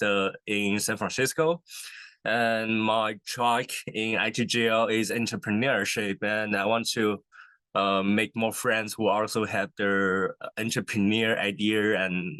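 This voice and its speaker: A man from China, an education entrepreneur, introducing himself in a friendly, halting way on a webinar panel over a video call. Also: fairly low pitch, a bit bright, dry recording.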